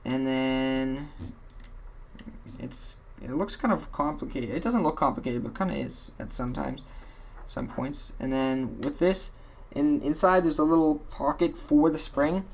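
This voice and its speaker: Speaking on the high side and a little slowly with vocal fry, a man hosts a relaxed how-to walkthrough. He rambles offhandedly, corrects himself a lot, and sounds tired and a bit worn, over slight background noise.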